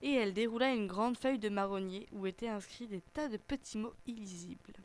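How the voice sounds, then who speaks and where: A woman narrating a children's story in a gentle, measured reading voice. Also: medium pitch.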